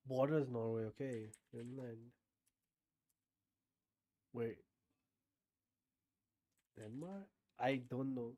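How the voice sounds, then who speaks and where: A man's voice: medium pitch, drawn-out words, long pauses, mellow, dry recording. A man streaming a guessing game, thinking aloud with frequent swearing and sudden bursts of disbelief. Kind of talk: casual game commentary.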